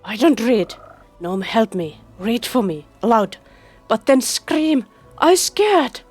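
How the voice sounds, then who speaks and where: A woman's voice: fairly high pitch, sing-song, faint music behind, pitched above the performer's own voice, exaggerated voice. A woman voicing a timid little kobold. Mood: eager. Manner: halting broken phrases. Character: kobold, small timid creature, broken speech.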